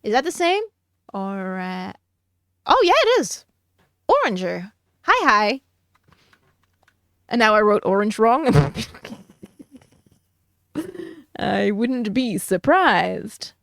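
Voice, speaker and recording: A woman's voice: mid-range voice, sing-song, creaky, a bit bright, no echo, clean studio sound. A woman streamer chatting casually and giggling while she draws on stream. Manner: slow, musing, giggly.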